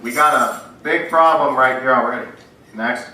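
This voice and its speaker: A man's voice: medium pitch, moderate pace, sharp tone. A man with a bad cough giving a casual Bible lecture to a small room, reading scripture aloud between plain remarks. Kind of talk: recorded lecture to a small audience. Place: indoor meeting room. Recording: roomy, from a distance, noisy.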